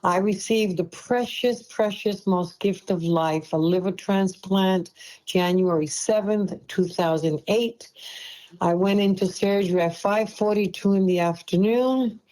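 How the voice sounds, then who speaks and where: A woman in her seventies from Brooklyn, New York, with a Brooklyn accent, appears as a podcast guest and shares her own story as a liver transplant recipient. She tells it casually, emotionally and heartfelt, rambling and restarting. Her voice is medium-pitched and mellow at a measured pace, on a low-quality recording.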